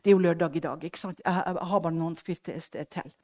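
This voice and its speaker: A middle-aged woman preaching a sermon, fervent and swinging between hushed speech and loud exclamations, acting out the prayers and dialogue she retells. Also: fairly low pitch, steady tone, a little hiss or hum. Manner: acts out quoted prayers and dialogue.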